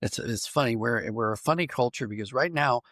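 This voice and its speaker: In studio-quality audio without echo, a male podcast guest who writes and works as a dramatist talks briskly in a medium-pitched, slightly bright voice. He's reflective and conversational, thinking out loud and revising himself as he goes.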